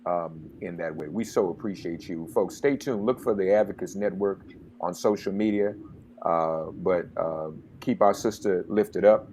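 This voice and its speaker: A man's voice: sits low, moderate pace, darkish tone, a little hiss or hum. A man hosting a radio talk show, speaking with passion and getting worked up like a preacher. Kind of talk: interview and commentary.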